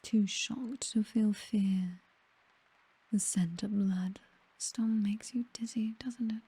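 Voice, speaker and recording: Slow and steady at medium pitch, a woman breathes her lines almost in a whisper as a seductive, condescending, possessive British vampire aristocrat. The ASMR roleplay is dry and intimate with no room sound, unhurried, languid and teasing, its mood tender yet possessive.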